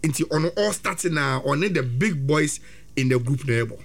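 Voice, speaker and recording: An excitable man with a Ghanaian accent breaks down a football team's chances, talking fast and climbing into bursts. His voice sits high and swings widely up and down as he works himself up. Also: vocal fry. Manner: excitable, rapid, rising to high-pitched bursts. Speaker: football pundit. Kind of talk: animated sports talk mixing Twi and English.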